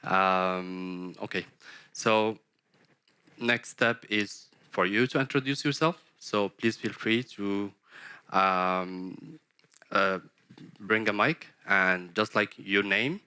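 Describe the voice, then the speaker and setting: A man's voice: on the low side, slow pace, pushed and bright, clear, resonant tone, no room sound. A man from Morocco hosting a design workshop, speaking with frequent hesitations and fillers. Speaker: workshop host, head of design. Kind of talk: workshop presentation. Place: conference workshop room.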